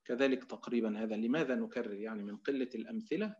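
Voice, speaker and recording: A man teaching Quran recitation in an online lecture. He explains as he goes, gives drawn-out demonstration readings and fills his pauses with a filler word. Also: mid-range voice, darkish tone, dull audio. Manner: often fills pauses with Egyptian "إيه".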